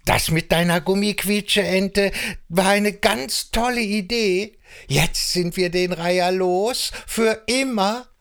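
A man's voice: high-pitched, slow pace, a bit bright, clear, resonant tone, voice pushed up, full character voice. A man voicing a cheerful, playful little frog in a children's audio story. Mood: delighted.

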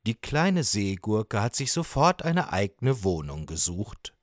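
A man narrating a children's story with expressive, storytelling delivery. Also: fairly low pitch, unhurried, no echo, studio quality.

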